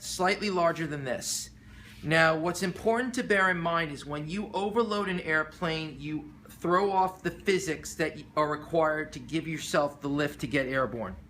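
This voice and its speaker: A man's voice: fairly high pitch, fairly bright tone. A man giving explanatory commentary in an emphatic, earnest, cautionary way, like an instructor. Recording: clear background noise.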